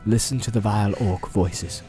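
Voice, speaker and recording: Audiobook narrator, male, mellow and warm, measured pace, soft music under. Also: on the low side, steady tone. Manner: measured storytelling. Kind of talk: scripted narration.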